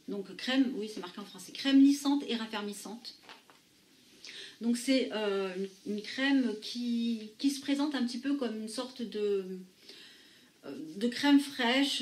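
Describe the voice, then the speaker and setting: A woman chats through her beauty favourites in a relaxed review. Her voice sits a touch high, and she stops often to search for words. The room around her has a noticeable echo. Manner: chatty with frequent hesitations. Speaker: beauty vlogger. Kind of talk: casual product review.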